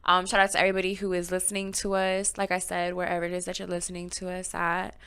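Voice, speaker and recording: A young woman hosts a laid-back podcast, giggling often as she chats. Her voice is bright and crisp, and it comes through clean and smooth. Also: fairly low pitch, monotone, fast. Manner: giggly, bubbly, laughs between phrases. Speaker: podcast host. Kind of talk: casual podcast chat.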